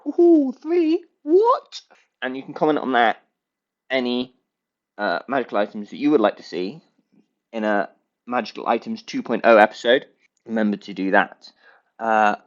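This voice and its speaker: This is a solo podcast host with a medium-pitched voice and a congested, sniffly nose, caught on dull-sounding audio. His talk is a casual, playful ramble, goofy in tone and full of self-corrections.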